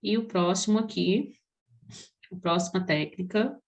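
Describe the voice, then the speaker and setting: A woman with a Brazilian accent, a parenting coach giving an expressive teaching talk that speaks straight to parents and asks them many questions. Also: medium pitch, measured pace, lo-fi sound. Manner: expressive, talks directly to parents.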